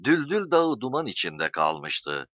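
A man narrating a story as an audiobook reader, in an expressive storytelling manner. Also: mid-range voice, slow pace, no echo. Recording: dull dry recording.

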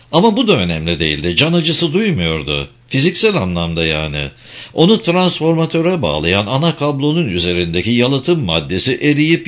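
A man reading a dark novel aloud as an audiobook narrator, with expressive delivery. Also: lowish voice.

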